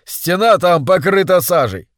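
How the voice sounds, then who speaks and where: A man voicing a dignified hermit who has lived by a waterfall for decades, speaking loudly, almost shouting. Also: mid-range voice, slow pace, no echo, studio quality, lightly acted. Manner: loud, near-shouting delivery.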